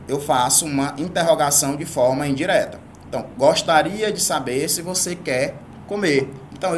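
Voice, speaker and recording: A man's voice: fairly high pitch, slight background noise. A man teaching a Portuguese grammar video lesson, explaining patiently, drawing out key words and checking in often with "né?" and "tá?". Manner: didactic, stretches key words, frequent "né?" and "tá?".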